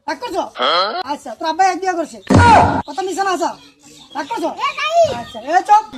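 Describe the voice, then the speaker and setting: A woman playing a teasing mock fortune teller in comic street banter. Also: very high-pitched. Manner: teasing, playful, keeps asking if people are angry.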